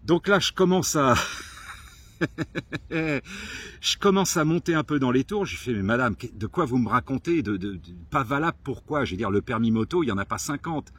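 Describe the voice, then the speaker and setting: A man telling a story to camera in a casual vlog, lively and swearing, acting out the people he quotes. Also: mid-range voice, normal speed, slightly rough. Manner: animated, swearing, acts out quoted exchanges. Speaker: vlogger.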